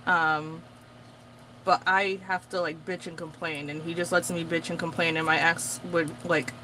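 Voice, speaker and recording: The audio is poor, with a little hiss or hum, and the woman's lowish voice has a sharp tone and little pitch movement at normal speed. She is a young craft vlogger whose first language is Portuguese, casually chatting and rambling with lots of fillers while she crafts.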